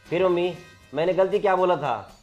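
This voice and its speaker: A man's voice: high voice, brisk, a little mellow, lo-fi sound, faint music behind, natural voice. A young man playing a husband who complains resentfully to his mother about his wife. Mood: irritated. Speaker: son and husband. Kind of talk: family drama short.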